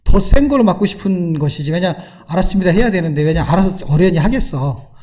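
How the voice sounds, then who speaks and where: Middle-aged male pastor, warm, slightly high voice, lively sermon with rhetorical questions. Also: a little fast. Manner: lively storytelling with rhetorical questions and acted quotes.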